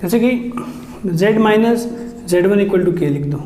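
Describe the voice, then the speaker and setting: A man gives a maths lecture for exam prep, explaining each step, asking rhetorical questions, addressing the students as children and slipping in English terms. His high-pitched voice is animated and a little mellow, he takes it slowly, and the space sounds reverberant.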